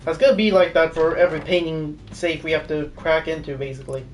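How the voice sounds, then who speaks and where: A man's voice: a little high, steady tone, quick pace. A man streaming a game live, talking casually in a rambling way with lots of fillers. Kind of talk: live gameplay commentary. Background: game audio.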